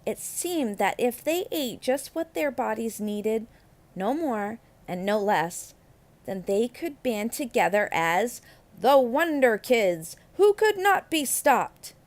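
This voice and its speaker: Slowly and in a fairly high voice, a woman narrates a children's picture book. Her delivery is expressive, with strong emphasis and drawn-out key words.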